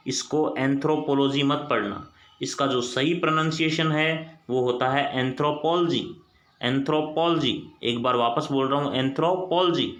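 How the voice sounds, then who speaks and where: A man's voice: mid-range voice, fairly bright tone. Man teaching, asking and answering himself. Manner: repeats each point as a question and answers it. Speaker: English vocabulary teacher. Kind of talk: Hindi screen-recorded lesson. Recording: echoey room.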